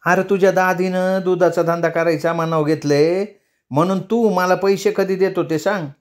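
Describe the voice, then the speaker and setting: Man playing a sharp-tongued village sister. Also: high-pitched, fairly even intonation, moderate pace, voice pushed up, natural voice. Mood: scolding. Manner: scolding, quarrelsome, taunting.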